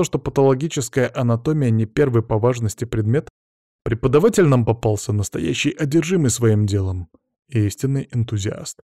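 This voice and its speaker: A male narrator telling a first-person story in a measured, wry, reflective way. His voice is mellow and dark, sits at a middle pitch, and is recorded close and dry with no room sound. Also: dry recording.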